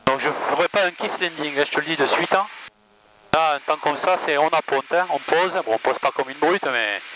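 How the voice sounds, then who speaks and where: A man's voice: a little high, brisk. A man speaks casually and informally as a pilot, explaining things to his passenger and making radio calls over a cockpit headset. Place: small plane cockpit in flight. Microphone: aviation headset. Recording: cockpit intercom with background noise.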